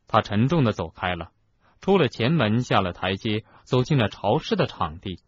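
Husky low male storyteller, lively pitch, dull lo-fi radio sound. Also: moderate pace. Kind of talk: radio novel reading.

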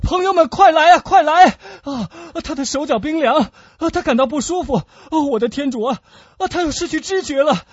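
A man plays a desperate young swordsman in a radio play, pitched up high and urgent. His cries swing wildly from plea to plea. The sound is husky, muffled and dry. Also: big pitch swings, moderate pace, mellow, no room sound, heavily acted. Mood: frantic. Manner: urgent, pleading outcries. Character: young hot-blooded male swordsman, frantic. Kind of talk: Chinese radio-play acting. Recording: dull lo-fi dry recording.

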